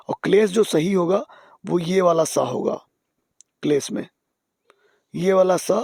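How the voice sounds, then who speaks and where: Guy teaching spelling for an exam, raspy voice, repeats words slow, whispers little asides. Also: fairly high pitch, dry recording, clean studio sound. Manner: patient, repeats key words, often drops to a soft aside. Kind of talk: explaining spelling on screen.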